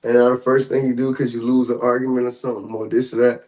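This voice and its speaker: On a casual hip-hop and pop culture podcast, this co-host delivers slang-heavy opinions punctuated by over-the-top asides. His medium-pitched voice is a little mellow, fast, and doesn't move much in pitch.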